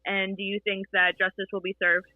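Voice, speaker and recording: A woman's voice: mid-range voice, level tone, fairly quick, no echo. Woman host on a narrow phone line. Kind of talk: live call-in interview. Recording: muffled radio-like phone connection.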